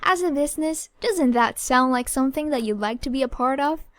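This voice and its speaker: A woman's voice: fairly quick, no room sound, natural voice. Brief: woman playing a confident female podcast promoter, radio style. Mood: punchy. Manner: deepened, punchy radio-personality delivery.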